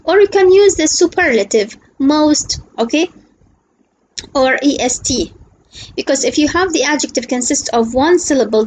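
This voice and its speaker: High-voiced woman teaching slowly. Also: a little hiss or hum, rough recording. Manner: slow and deliberate, often pausing to ask "what?" and checking with "okay?". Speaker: English teacher. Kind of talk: slide lecture.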